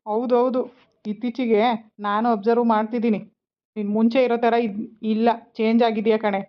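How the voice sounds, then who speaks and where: An actress playing a teasing husband torn between two wives, with a quick, teasing way of talking. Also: female voice, on the high side, little pitch movement, natural voice. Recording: dull lo-fi sound.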